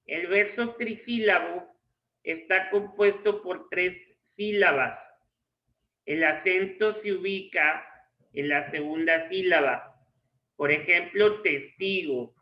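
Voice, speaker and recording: A male literature teacher dictates a lesson at a very slow pace, in short measured phrases. His voice sits high for a man. The sound is dull and lo-fi, in an echoey room.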